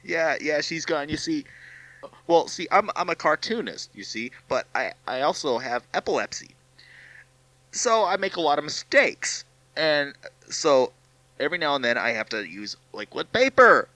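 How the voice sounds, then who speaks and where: A man's voice: a little high, sing-song, moderate pace, pushed and bright, no room sound, rough recording. A man playing a panicky, hapless cartoonist in a spoof commercial, stammering and whiny. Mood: flustered. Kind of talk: comedy sketch spoof commercial.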